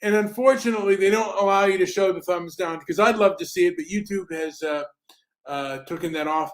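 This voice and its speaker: Stammering high-voiced male podcast host. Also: fairly quick. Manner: stammering, repeats words when pressed. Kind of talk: casual call-in chat.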